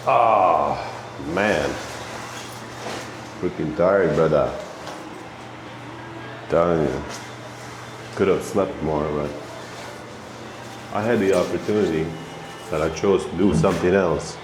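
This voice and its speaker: A man's voice: low-pitched, slow, pauses often, noisy background. A man from Bosnia and Herzegovina, a truck driver vlogging at a truck stop in loose, slangy, profane banter into a handheld camera. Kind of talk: casual vlog chat. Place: truck stop outdoors and shower room.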